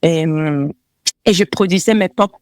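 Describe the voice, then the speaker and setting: A woman's voice: lowish voice, a little slow, darkish tone, no echo, clean studio sound. A woman from Togo, a fashion designer, answering interview questions in a hesitant, casual way with many fillers. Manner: laughs between answers.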